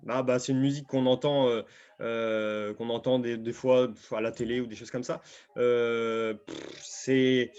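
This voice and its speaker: A man's voice: mid-range voice, steady tone, slow pace, pauses often, darkish tone, faint music behind. A man who coaches American football, talking casually on a video call with many fillers and restarts. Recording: muffled video-call audio.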